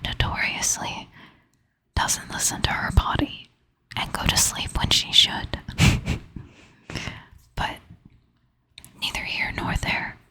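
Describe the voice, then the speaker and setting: A tired woman whispering softly and slowly to the listener in a relaxed, intimate ASMR chat, sometimes slipping into a soft half whisper. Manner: soft, slow, intimate whispering with gentle laughs. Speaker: ASMR creator.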